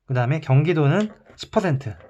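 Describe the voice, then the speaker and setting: A man's voice: on the high side, a little fast. Man teaching math, step by step. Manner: calm, explains step by step while drawing. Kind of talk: online math lesson.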